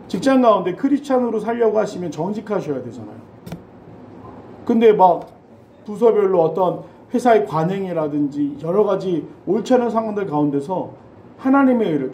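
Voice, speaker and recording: A man's voice: high voice, warm tone, a little hiss or hum. A man in his forties preaching a Sunday sermon in a church, with a chatty, anecdotal style and touches of humor. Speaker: pastor. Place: church sanctuary. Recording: roomy church hall echo.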